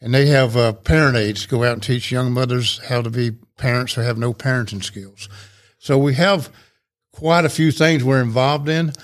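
A man's voice: medium pitch, moderate pace. Chatty older man. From Rome, Georgia, USA. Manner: talkative, folksy, rambling explanations. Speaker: civic club president, guest. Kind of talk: casual interview chat.

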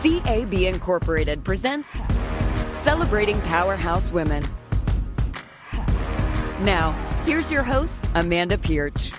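A woman announcing the opening of a radio show in a lively, build-up announcer style. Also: on the low side, unhurried, long pauses. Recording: voice over loud music.

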